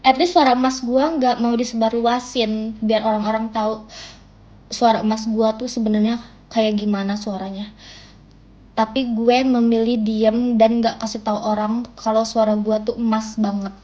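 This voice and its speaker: A warm, slightly high voice at a moderate pace and level tone belongs to a young Indonesian woman chatting casually on a livestream. Her talk is playful teasing and self-mockery. The audio comes from a phone mic and sounds dull and lo-fi.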